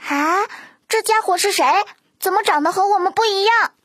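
A sneering little cartoon virus. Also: female voice, extremely high pitch, moderate pace, a bit bright, no room sound, clean studio sound. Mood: curious. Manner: sneering, chattering. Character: small gossiping cartoon virus, mocking, skittish. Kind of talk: children's storybook audio drama.

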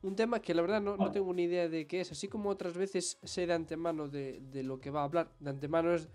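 A young man co-hosting a casual podcast, telling a story in an animated way and fretting about his accent. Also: fairly high pitch, fast, faint music behind. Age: young adult. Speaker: podcast co-host. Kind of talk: casual chat.

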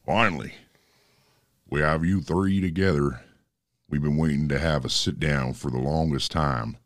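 Anonymous network boss, voice disguised to a very low rumble, calm and steady, dry close recording. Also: male voice, moderate pace, dry recording. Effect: disguised voice, pitched very deep. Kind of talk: comedy sketch.

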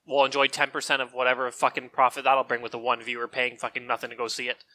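A man's voice: medium pitch, completely flat delivery, fast talker, sharp tone, dry recording. A man on a podcast who talks bluntly, swears constantly and sounds exasperated in casual banter.

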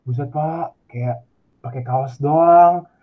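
Young guy from indonesia chatting on a call, kinda high voice, sounds thin like a phone line. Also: slow pace, crowd noise. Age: young adult. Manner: chatty, animated storytelling with laughs. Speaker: student abroad. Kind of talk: casual video call chat. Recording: tinny phone-like call audio.

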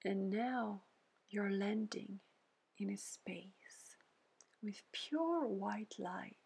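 A woman guides a scripted meditation in a soft, breathy voice that is almost a whisper. Her mid-range tone is gently soothing, and she leaves pauses between short phrases.

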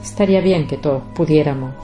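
A woman, hosting a reflective podcast and speaking slowly and deliberately straight to her listeners. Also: low-pitched, mellow, faint music behind. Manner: slow, deliberate, addresses listeners directly. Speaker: podcast host.

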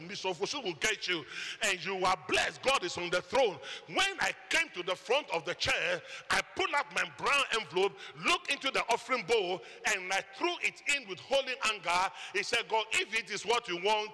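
A Ghanaian man preaching a sermon testimony, telling his story with lively quoted voices. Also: sits high. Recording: echoey hall reverb.

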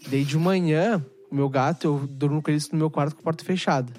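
A man's voice: a little high, fairly even intonation, fast talker, darkish tone, slight background noise. A young man, hosting a podcast and telling stories in laid-back, slangy casual chat. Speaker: podcast host.

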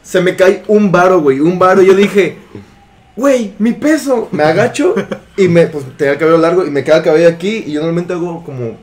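A young Mexican man with a high voice tells a story to his friends in a loose, slangy way. He laughs often and acts out the people in his story. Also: fast. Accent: Mexican Spanish. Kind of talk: casual storytelling among friends.

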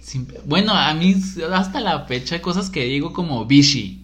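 A man's voice: on the high side, expressive, moderate pace, a bit bright. A man from Mexico, co-hosting a casual chat and asking questions. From northern Mexico. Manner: asks questions, brief interjections.

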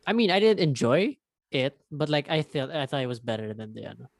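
A young man, co-hosting a casual podcast chat, rambling and animated and swearing freely. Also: mid-range voice, brisk, vocal fry, no echo. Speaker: podcast co-host.

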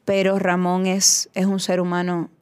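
Effusive actress, lower voice. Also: female voice, completely flat delivery, measured pace, darkish tone, clean tone. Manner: effusive, enthusiastic. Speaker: actress and guest. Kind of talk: casual radio interview.

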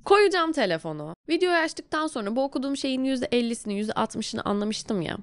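A woman with a Turkish accent giving a casual lesson as an English teacher, talking the learner through each step in a lively way. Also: sits high, a little fast, clean tone, no echo.

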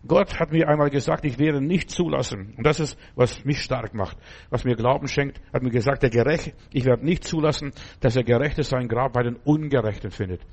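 A man's voice: medium pitch, fairly quick, darkish tone. A man preaching a sermon who addresses listeners directly and often checks with them, acting out cries for help in a raised voice.

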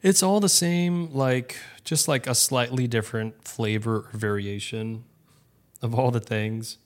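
This podcast co-host has a mid-range voice with fairly even intonation and a measured pace. He chats casually, sounding reassuring and self-deprecating, and often restarts his sentences.

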